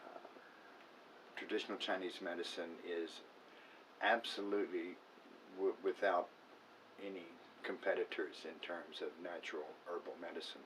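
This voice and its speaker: A man's voice: deep voice, steady tone, normal speed, long pauses, a bit bright. A man who works as an acupuncturist, explaining a topic in an unscripted, casual way, with fillers and restarts. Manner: unscripted, self-correcting, with filler words. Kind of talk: casual educational talk. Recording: voice a bit far from the mic, faint room noise.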